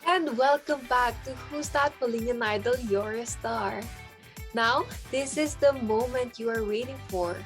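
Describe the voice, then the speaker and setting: A young woman with a Filipino accent, hosting a talent show in an upbeat, scripted manner. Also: on the high side. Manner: upbeat, announcing. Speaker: host.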